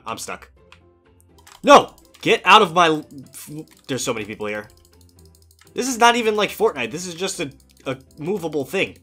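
This young gaming YouTuber speaks on the high side, delivering energetic, exasperated commentary on his gameplay, punctuated by loud outbursts.

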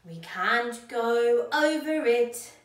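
Recorded by a camera placed a little way off in a small, echoey indoor classroom, a young woman reads a picture book to children, her voice on the high side, lively in intonation, and very slow. She performs it theatrically and exaggeratedly, with dramatic gasps, and the microphone sounds slightly distant.

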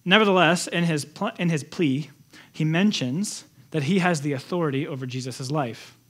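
A man preaching a sermon as pastor, telling the story with animated, conversational energy. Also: a little high, moderate pace. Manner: animated storytelling, acts out quotes in lively voices.

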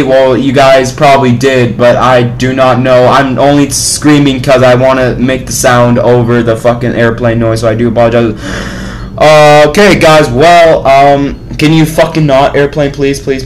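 A young man doing casual gameplay commentary, swearing loudly as he plays. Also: medium pitch, fairly even intonation, moderate pace, slight background noise, low-quality recording. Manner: loud, swearing, frustrated outbursts. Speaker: gaming YouTuber. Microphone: headset.

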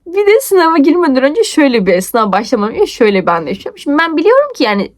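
A young woman vlogger telling a story in a casual, rapid, breathless way, her pitch swinging up and down. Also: sing-song. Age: young adult.

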